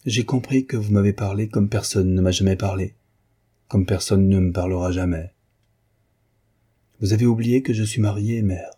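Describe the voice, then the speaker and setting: A man's voice: fairly low pitch, steady tone, normal speed, pauses often, mellow, slightly rough. A man reading an audiobook, voicing a young married woman who is dignified and commanding while shaken with emotion. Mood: wounded, stern.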